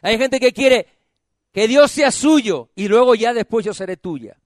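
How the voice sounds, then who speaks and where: A man preaching a sermon who asks questions and answers them himself, has the congregation repeat phrases, and drops to soft, low phrases for emphasis. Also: animated, measured pace, dry recording, clean studio sound.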